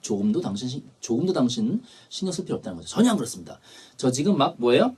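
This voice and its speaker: Husky guy lecturing on english grammar, bouncy pitch, repeats stuff a lot. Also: very animated, darkish tone. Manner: explanatory, repeats key terms, slows down to read English lines. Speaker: English test prep instructor.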